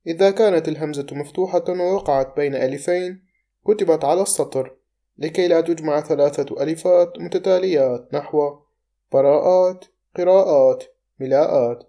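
Measured male teacher reading numbered rules and example words, mellow tone. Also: a little high.

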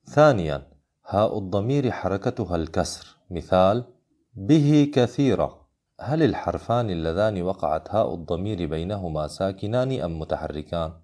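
A man teaching a scripted lesson on Quran recitation rules, reading the explanations plainly and chanting the verses and examples slowly. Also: deep voice, expressive, darkish tone.

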